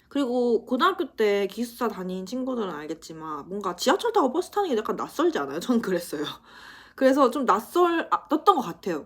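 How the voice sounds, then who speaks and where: Chatty self-teasing young woman vlogger. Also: mid-range voice. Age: 20s. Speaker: university student vlogger. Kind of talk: casual vlog chat.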